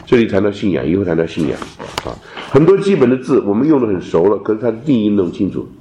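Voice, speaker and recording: A man teaching a theology class, lecturing in an animated way and dropping in English terms. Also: fairly low pitch, quick pace, a little hiss or hum. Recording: roomy echo.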